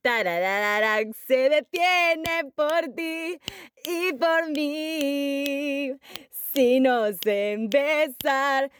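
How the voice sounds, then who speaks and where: A young woman playing an excitable fan who rambles, shrieks, swears and breaks into song in an audio story. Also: high voice, extremely slow, a little hiss or hum. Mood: dreamy singing.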